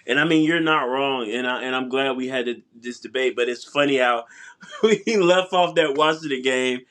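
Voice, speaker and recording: A congested man co-hosts a casual sports podcast. His voice sits at an ordinary pitch, and he talks haltingly with frequent ums and uhs. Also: fairly bright tone. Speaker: podcast co-host.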